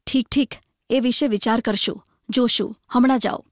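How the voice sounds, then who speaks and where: A cold, arrogant superintendent barks short commands, as a woman puts him on. His tone is clipped and dismissive, with a fairly high pitch. The recording is dry. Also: steady tone, moderate pace, no room sound, lightly acted. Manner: curt, commanding. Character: stern British-era male superintendent, cold and arrogant.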